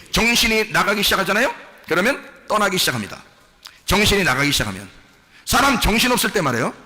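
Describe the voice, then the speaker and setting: Man preaching, high bright voice, lively pitch swings, long hall reverb. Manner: animated, asks the congregation questions, mixes casual and polite speech. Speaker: pastor. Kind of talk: sermon. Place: church sanctuary.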